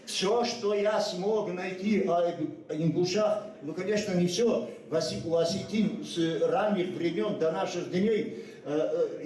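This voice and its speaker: Speaking as a guest at a public memorial ceremony in an echoey school hall, this older Ossetian-speaking man improvises his remarks in a high, slightly mellow voice. He's far from the microphone and keeps hesitating and starting over.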